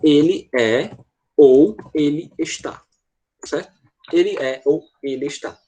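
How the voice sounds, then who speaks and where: A man's voice: on the high side, takes it slowly, warm tone. A man with a Brazilian Portuguese accent teaching an online class to children, explaining patiently and checking in often over a video call. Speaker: English teacher.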